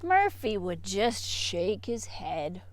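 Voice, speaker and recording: Against a noisy background, a woman with a medium-pitched voice reads aloud slowly to children like a teacher. She's playful and expressive, using dramatic hushes and emphasis.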